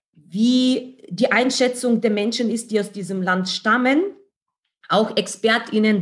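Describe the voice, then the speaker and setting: A middle-aged woman from Ukraine, a guest in an interview, speaking in a thoughtful, measured and earnest way. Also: fairly high pitch. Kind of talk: conversational interview.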